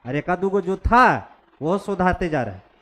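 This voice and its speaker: High-voiced scolding male maths teacher. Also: animated, normal speed, pushed and bright. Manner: scolding, blunt, mixes English maths terms. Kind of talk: classroom lecture, scolding students. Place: classroom.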